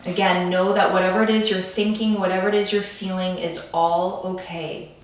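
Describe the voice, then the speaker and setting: A woman leading a calm grounding meditation in a gentle, soothing way, with pauses between phrases. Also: fairly low pitch. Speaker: meditation guide. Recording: echoey room, distant from the mic.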